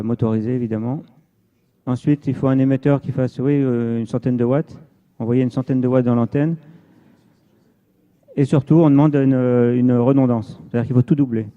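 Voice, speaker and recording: Muffled recording of a man presenting. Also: medium pitch. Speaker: amateur radio volunteer presenter. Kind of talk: informal technical presentation. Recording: dull, muffled lo-fi sound.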